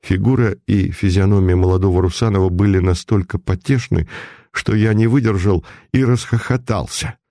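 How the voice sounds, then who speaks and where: A man reading a story aloud in measured scripted narration. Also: low voice, fairly even intonation, mellow, no echo, studio quality. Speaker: audiobook narrator.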